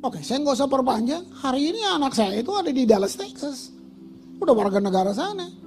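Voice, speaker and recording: A man's voice: extremely high pitch, sing-song, fairly quick, darkish tone, faint music behind. An older man preaching a sermon as pastor, telling personal stories with emotion and casual slang.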